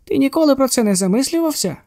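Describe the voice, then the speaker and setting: A man's voice: very high voice, lively intonation, fast talker, dark tone, pitched above the performer's own voice. A man voicing a grinning, rambling male asylum patient in an audiobook, eager and insistent. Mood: manic. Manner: eager, insistent, childlike sing-song. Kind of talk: audiobook character voice.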